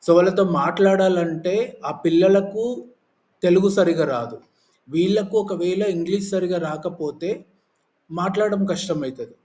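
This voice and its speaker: Male teacher, casual, slightly high voice, lists and everyday examples. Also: a little slow, darkish tone. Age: adult. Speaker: English teacher. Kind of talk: casual Telugu lesson.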